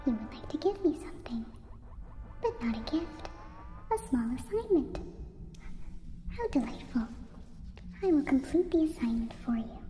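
Woman as a very soft-toned soft-spoken alien, echoing. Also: high-pitched, very animated, moderate pace, pauses often. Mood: detached, condescending. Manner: formal, detached, stilted. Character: condescending, clinical female alien, curious about humans. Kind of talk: ASMR role-play.

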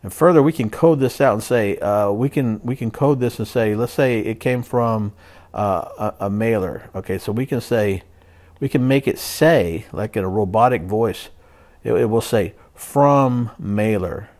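A man's voice: on the low side, normal speed, darkish tone. A man walking through a phone system setup in a casual tutorial, often checking in with "okay" and "all right" and restarting phrases as he explains. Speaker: tutorial presenter. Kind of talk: casual screen-share tutorial.

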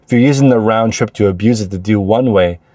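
A warm, lowish voice belongs to an American reseller vlogger in his forties, speaking fast in a relaxed, story-driven explanation to the camera. He sits in a parked car with a lapel mic on his shirt, and there's no echo.

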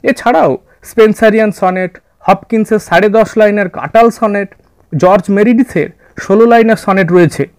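A man narrating a scripted literature lesson in a measured, orderly way, addressing his students. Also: sits high, smooth, no echo. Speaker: literature teacher. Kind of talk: scripted explanatory lecture narration.

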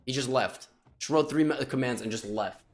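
A man's voice: mid-range voice, brisk. A man chatting casually on a chess stream, rambling through restarts and asides to his viewers.

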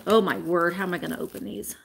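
A woman, chatting bubbly and fast to live viewers from a small room at home. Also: fairly low pitch, fairly even intonation, vocal fry, slight background noise. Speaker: vintage reseller host. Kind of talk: casual live-stream chat.

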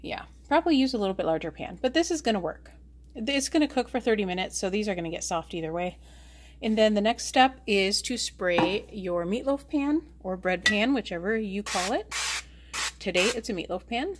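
In a noisy home kitchen, a woman from the United States talks through a casual cooking video while she works, captured by a camera on a tripod. Her mid-range voice has lively intonation and moves at normal speed.

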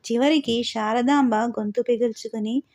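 A woman narrating a novel as an audiobook, reading in a calm, steady way. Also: fairly high pitch, moderate pace.

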